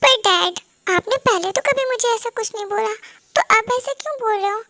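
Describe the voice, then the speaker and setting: A woman's voice: very high-pitched, moderate pace, pushed and bright, heavily acted. A woman voicing an anxious, sensitive young son who pleads and frets in a fan-dub audio drama. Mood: pleading. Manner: pleading, worried, fretful questioning.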